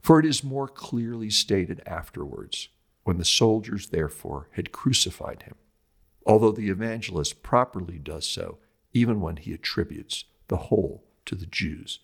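With a low, animated voice that is slightly rough and shows vocal fry, a man reads out a scripted religious commentary as if lecturing. His phrasing is measured and emphatic, and he lands scripture quotations with dramatic stress.

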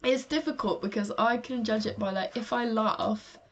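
A woman's voice: fairly high pitch, normal speed, dull audio. A woman co-hosting a podcast, chatting frankly and laughing often, currently ill with a sore throat. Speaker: podcast co-host. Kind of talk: casual chat.

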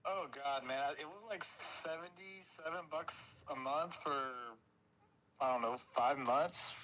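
A man's voice: a little high, takes it slowly, pushed and bright, lo-fi sound. A man heard through a phone speakerphone as a call-in guest, giving short, laid-back replies in casual chat. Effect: heard over a phone speakerphone.

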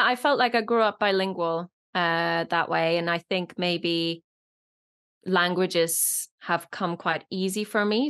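Norwegian-born actress in her 30s, British-leaning accent, lowish voice, easy rambling interview chat. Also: fairly bright tone. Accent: British-leaning, not clearly foreign. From Norway. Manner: chatty, many fillers and restarts. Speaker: actress, guest.

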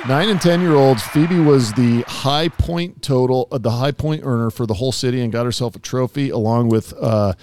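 A man with a mid-range voice hosts a relaxed chat with his daughter. He teases her lightly and keeps an easygoing, playful tone. He talks at a loose, unhurried conversational pace. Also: medium pitch, a little hiss or hum. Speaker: father interviewing his daughter, host. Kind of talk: casual chat.

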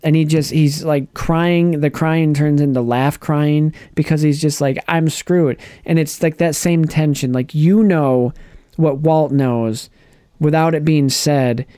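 A man chatting casually on a podcast, retelling a TV episode with lively acted-out lines and frequent restarts. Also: a little high, measured pace, clear, resonant tone, no echo, studio quality. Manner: animated storyteller, acts out characters' lines, restarts often. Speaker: podcast co-host. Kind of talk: casual chat recapping a TV episode.

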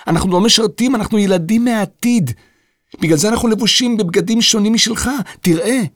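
A man's voice: high voice, dry recording, clean studio sound, pitched above the performer's own voice, natural voice. A man voicing an impatient, anxious young girl in a children's audio story. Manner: impatient, tense, questioning.

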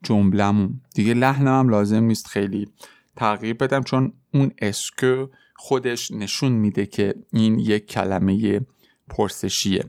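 A man teaching a French lesson, explaining step by step and repeating French example sentences slowly. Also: lowish voice, fairly even intonation, darkish tone, dry recording, studio quality. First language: Persian. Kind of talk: podcast language lesson.

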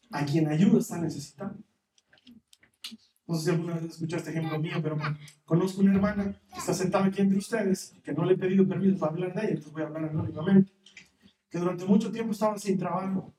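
A man preaching a sermon as pastor, lively and acting out the voices he quotes. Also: sits high, recorded from a distance. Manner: animated, acts out quoted voices. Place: church hall. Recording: roomy church hall, mic from afar, faint noise.

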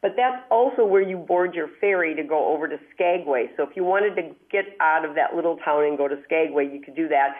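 A woman's voice: deep voice, a little fast, hardly any pauses. A woman hosting a call-in travel show from a speakerphone, chatty and upbeat, explaining at length. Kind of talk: call-in radio advice. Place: hotel room far from studio, calling in. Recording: tinny speakerphone line.

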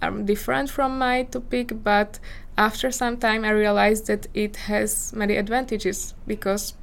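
Slovak-accented young woman, vocal fry. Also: medium pitch, flat delivery, measured pace. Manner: earnest, searching for words in English. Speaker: visiting scholar guest. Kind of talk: casual interview answers.

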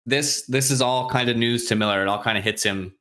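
A man on a podcast casually retelling a novel's chapters, acting out the characters' lines in quick, offhand voices and swearing freely. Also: mid-range voice, fairly bright tone. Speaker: podcast host recapping a book. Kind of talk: casual chat.

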